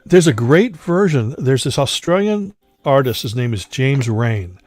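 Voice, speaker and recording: A man hosting a casual chat, talking quickly and eagerly about music he loves. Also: medium pitch, very animated, a little mellow, no room sound. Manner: quick, enthusiastic music-fan talk.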